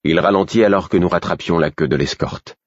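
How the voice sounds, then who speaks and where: A man reading a novel aloud in steady first-person narration. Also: low voice, brisk, no room sound, lo-fi sound. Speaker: audiobook narrator.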